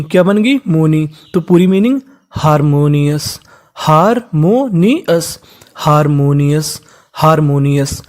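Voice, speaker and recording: A teacher giving a spelling lesson who spells each word letter by letter, blends it slowly, and asks and answers their own questions. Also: mid-range voice, darkish tone. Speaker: English teacher. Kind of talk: spelling lesson, sounding out words.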